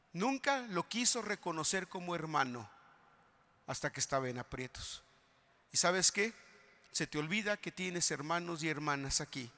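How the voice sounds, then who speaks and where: A man preaching a fervent sermon as pastor, swinging from quiet appeals to loud shouted cries. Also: fairly high pitch. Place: large convention hall. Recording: long hall reverb.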